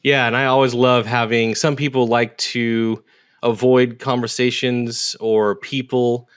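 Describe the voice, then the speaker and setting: A man's voice: medium pitch, little pitch movement, clean tone. A man hosting a casual podcast conversation, sometimes reading written posts aloud at speed. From United States. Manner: reads quoted posts aloud quickly. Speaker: podcast host.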